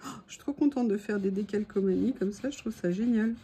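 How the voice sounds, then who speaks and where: A woman hosts a craft video tutorial, chatting with viewers as she works in a warm, slightly rough mid-range voice that moves a little fast. She is self-mocking, laughing at her own mistakes and mishaps along the way.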